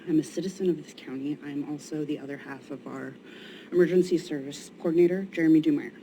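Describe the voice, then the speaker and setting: A woman's voice: sits low, fairly even intonation, fast talker, dark tone. A woman giving public comment at a meeting, earnest and plain-spoken, with a tired, shaky voice. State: weary, shaky voice. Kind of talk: prepared public statement. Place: indoor public meeting room. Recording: noisy meeting room ambience.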